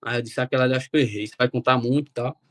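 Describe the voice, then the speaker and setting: A young man, telling his story as a guest in a casual, animated way. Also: medium pitch, very fast, no room sound, studio quality. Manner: animated, quotes himself and relatives. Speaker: interview guest.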